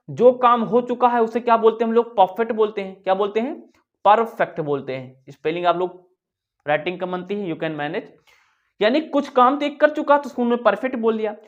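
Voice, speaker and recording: A man with a voice that sits high gives a casual classroom explanation, chatting along and asking his own questions before answering them. He keeps saying "yaar", and the audio sounds dull.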